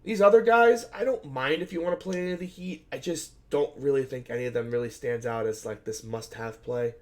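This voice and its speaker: This fantasy basketball analyst runs a solo breakdown of the betting slate a little fast, his middle-pitched voice scratchy and hoarse from shouting at a game. He rambles casually, thinks out loud, fixes his own statements, and fills gaps with fillers.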